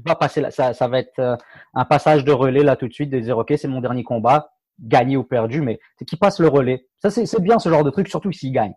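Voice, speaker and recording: A man chatting casually about fighting sports as a podcast co-host, halting with many fillers and restarts. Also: medium pitch, darkish tone.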